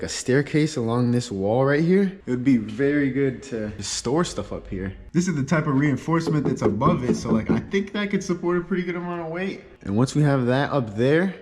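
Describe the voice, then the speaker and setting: A man hosting a casual car vlog, talking in an excited, rambling, slangy way, his voice echoing in a large empty workshop. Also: medium pitch. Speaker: YouTube car-channel host. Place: large, echoey indoor garage workshop. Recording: very echoey, reverberant empty workshop.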